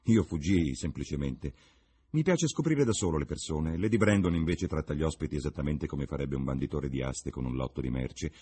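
Guy doing an ironic young lord from an old novel, low voice, lots of swing in it. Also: expressive, brisk, warm tone, slightly rough, heavily acted. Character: witty cynical young English lord.

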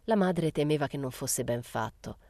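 A woman reading a literary novel aloud in a measured, even storytelling manner. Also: deep voice, dry recording. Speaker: audiobook reader. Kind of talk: literary audiobook narration.

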